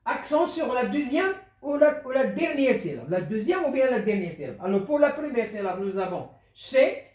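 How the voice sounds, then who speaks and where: Teacher, repeating words patiently, animated pitch, distant roomy sound. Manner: slow, repetitive, patient explaining. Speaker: primary school teacher. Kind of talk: explaining a French spelling lesson.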